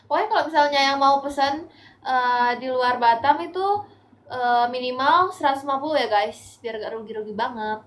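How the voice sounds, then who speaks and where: A woman's voice: sits high, normal speed. A young Indonesian woman selling clothes on a live stream, chatty and tired, pleading with viewers for likes and gifts. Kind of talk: casual live-selling chat.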